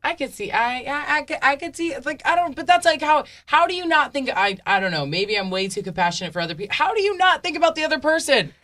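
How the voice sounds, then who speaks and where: A woman's voice: high voice, sing-song, quick pace, few pauses, sharp tone. A woman co-hosting a podcast, talking candidly and bluntly in casual chat, laughing often. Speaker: podcast co-host.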